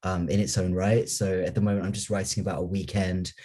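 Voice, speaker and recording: A low, mellow voice with a husky grain, talking in an earnest, effusive way. This author is being interviewed over a video call, and the talk stays casual and heartfelt throughout. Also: little pitch movement, fairly quick.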